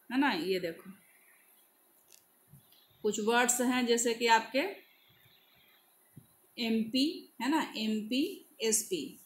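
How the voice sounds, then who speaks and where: A woman teaching English grammar in Hindi, who reads English examples slowly and keeps checking "है ना". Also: on the high side, a bit bright.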